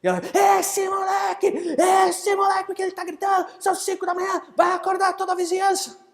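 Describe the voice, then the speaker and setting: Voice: very high voice, little pitch movement, rapid-fire, long reverb tail, voice pushed up. A presenter voicing a furious mother who screams threats at her son, as part of an acted story in a lecture.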